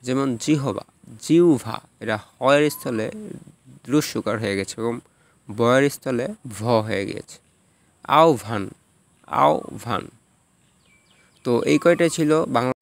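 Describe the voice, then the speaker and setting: A man teaching a recorded lesson, reading out rules and repeating example words slowly and carefully. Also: medium pitch. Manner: slow, drawn-out repetition of example words.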